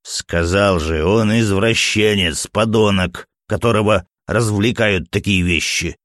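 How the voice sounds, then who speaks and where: A gruff, irritable doctor who snaps and turns sardonic, with a deep, low voice, read by a man. The sound is dry and close-miked, a storybook reading. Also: measured pace, a bit bright, no echo.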